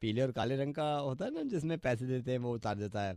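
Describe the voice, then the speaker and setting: A man's voice: mid-range voice, big pitch swings, fast, darkish tone, no echo, studio quality. A man making a prank phone call, rambling and pleading in an earnest way. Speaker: radio prank caller.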